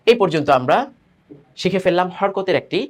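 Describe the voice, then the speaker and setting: A man teaching Quran reading, slowly drilling syllables and explaining where the tongue should touch. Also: high-pitched. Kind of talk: step-by-step pronunciation lesson.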